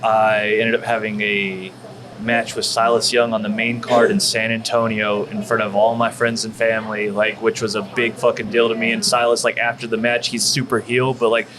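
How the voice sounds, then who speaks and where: A man's voice: fairly low pitch, level tone, normal speed, crowd noise, poor audio. A man from Texas, a former pro wrestler, telling rambling, profanity-laced stories as a guest in a barbecue restaurant. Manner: profane, rambling, full of fillers. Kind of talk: casual storytelling.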